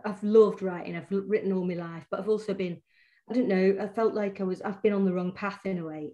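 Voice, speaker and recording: Her voice sits at a medium pitch and sounds mellow. She is a middle-aged poet from Manchester, England, with a Mancunian accent, chatting casually as an interview guest and frequently restarting or using fillers.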